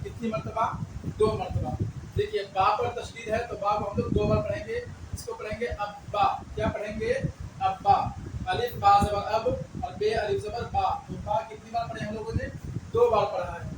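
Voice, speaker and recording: High-voiced man teaching in an echoey room. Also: far from the mic. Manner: patient, asks and answers his own questions, repeats key words. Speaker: Urdu teacher. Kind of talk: beginner language lesson. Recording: echoey, mic set back, traffic noise.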